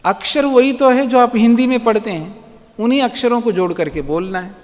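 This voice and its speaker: Guy lecturing students slow and patient, high voice, echo hall. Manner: patient, repeats words slowly for students. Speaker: Vedic philosophy teacher. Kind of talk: classroom lecture. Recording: long hall reverb.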